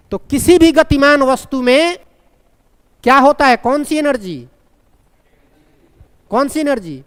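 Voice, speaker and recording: A man with a high, smooth, resonant voice teaches a physics lesson, constantly asking his class questions and repeating the key point. His voice carries a long reverb, as if he is recording in a large room. He slips terms into his sentences. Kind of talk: live online physics class.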